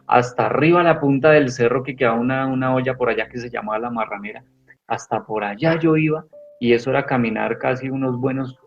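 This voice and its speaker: A man's voice: medium pitch, steady tone, fast, vocal fry, slight background noise. Earnest man telling his story. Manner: earnest, rambling, with many restarts. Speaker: guest giving a testimony. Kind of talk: personal testimony in an interview. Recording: dull lo-fi sound with faint music.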